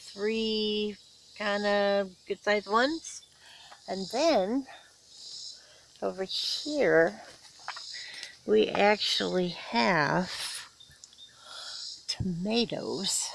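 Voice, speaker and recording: A woman giving a casual, unhurried tour of her backyard garden, filming with a handheld camera outdoors and talking with many fillers and pauses. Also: medium pitch, gravelly, slight background noise. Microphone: handheld camera, filming as she walks. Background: faint insects and outdoor ambience.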